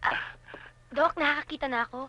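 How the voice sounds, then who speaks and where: Bright high-voiced young woman, gentle. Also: fairly quick. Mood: overjoyed. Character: young blind woman awaiting eye surgery. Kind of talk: film acting.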